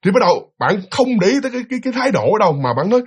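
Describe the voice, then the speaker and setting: Lively husky man telling a ghost story. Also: high voice, racing. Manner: lively, acts out voices of father and child.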